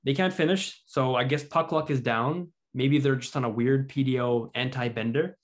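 A man's voice: medium pitch, steady tone, normal speed. Brief: male podcast host, talkative, casual, stat-heavy delivery. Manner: chatty, reads out stats and quotes. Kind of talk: casual sports chat.

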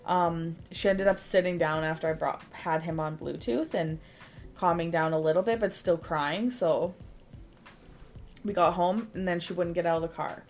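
With a voice on the low side and a moderate pace, this thirtysomething woman co-hosting a podcast gives a rambling, lively retelling of a story, leaning heavily on "like."

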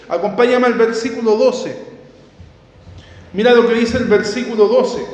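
A man preaching a sermon, asking his listeners questions, answering them himself and reading scripture aloud with repeated key words. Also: very high voice. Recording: echoey hall with long reverb.

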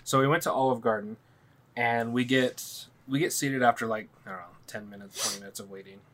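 A man's voice: mid-range voice, steady tone, a little fast, background noise. A man co-hosting a casual chat, telling a long story with many restarts. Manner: rambling storyteller, restarts often. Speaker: podcast co-host.

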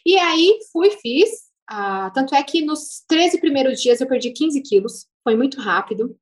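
A woman with a Brazilian Portuguese accent, a speech therapist telling her own story as a guest in a casual interview, chatty and lively, laughing now and then. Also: high voice, a little slow.

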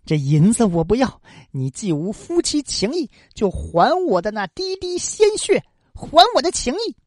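Proud wronged young wife in a folk tale, voiced by a woman; impassioned, high and lively. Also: normal speed, no echo, clean studio sound. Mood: bitter.

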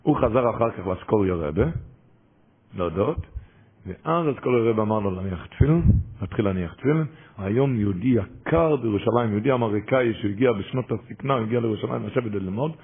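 Gravelly husky guy preaching a story, tinny phone-like sound. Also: fairly low pitch. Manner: animated storytelling, rising to fervent emphasis. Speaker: religious storyteller.

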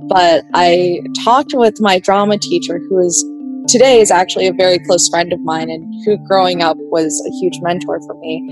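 Over soft background music, a fairly low, fairly even female voice speaks at normal speed on poor-quality audio. She's a Vietnamese-first-language woman from New Mexico, USA, reflecting on her life as a podcast guest in a relaxed, thoughtful way full of fillers.

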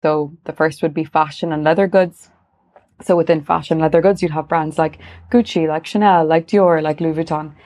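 A woman's voice: sits low, fairly even intonation, normal speed, darkish tone. A woman from Galway with a west of Ireland accent, speaking conversationally as an interview guest. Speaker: podcast guest, luxury marketing professional.

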